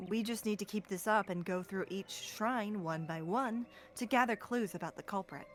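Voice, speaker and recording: A woman's voice: mid-range voice, pitched below the performer's own voice, natural voice. A woman voicing a cool, aloof, businesslike detective with composed, curt delivery in a game fan dub.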